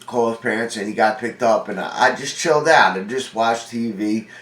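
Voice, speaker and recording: A congested forty-year-old vlogger from Long Island, New York, tells his own story in a rambling, profane, streetwise monologue, his somewhat low, slightly bright voice at normal speed. He's in an indoor room with a window, and the recording sounds roomy and distant from the mic.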